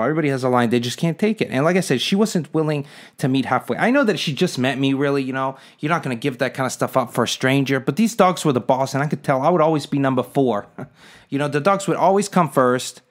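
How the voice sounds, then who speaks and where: A man talking casually to camera in a rambling, indignant monologue, cracking jokey asides and asking his viewers what they think. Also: medium pitch. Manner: indignant, rhetorical, asks the viewers for their opinion. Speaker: vlogger.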